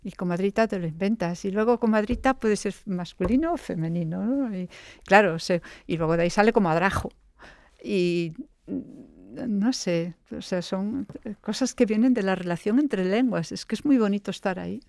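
A woman's voice: medium pitch, moderate pace, a little mellow, no echo, studio quality. A woman from Galicia, a poet being interviewed, talking thoughtfully and digressively with frequent tag questions. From Galicia, Spain. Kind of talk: reflective interview talk.

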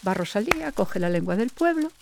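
A middle-aged woman from Galicia, a poet, speaking reflectively in an interview and pausing often with fillers and restarts. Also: medium pitch, big pitch swings, vocal fry, noisy background. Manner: thoughtful, pauses with fillers and restarts.

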